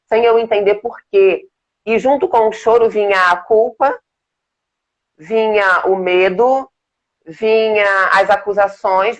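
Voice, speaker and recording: A Brazilian woman guest in a casual interview, talking in an earnest, reflective and halting way. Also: mid-range voice, highs cut off. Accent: Brazilian Portuguese. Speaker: guest, business mentor.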